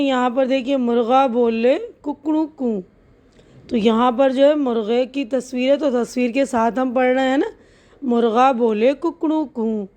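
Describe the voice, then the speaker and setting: A woman teacher walks through a lesson step by step, spelling each letter out slowly and with patience. Her voice is fairly high but soft and mellow. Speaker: Urdu teacher. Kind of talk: slow step-by-step lesson explanation.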